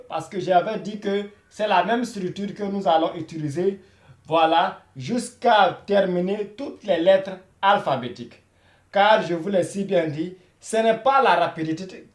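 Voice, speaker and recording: A man teaching beginners Arabic in a slow, patient lesson, repeating himself and saying "voilà" often. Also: high voice, echoey room.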